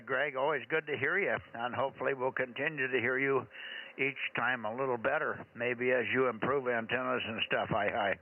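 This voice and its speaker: A man running an amateur radio net over two-way radio, chatty and rambling, with hesitant pauses between call signs. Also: mid-range voice, phone-quality sound. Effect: two-way radio transmission. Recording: thin crackly radio, loud static and clicks.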